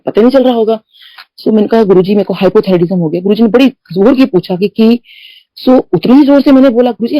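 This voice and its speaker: A woman's voice: medium pitch, warm tone, dry recording, low-quality recording. A middle-aged woman shares personal experiences in a chatty devotional talk, often slipping English phrases into her speech. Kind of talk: spoken testimony in a satsang.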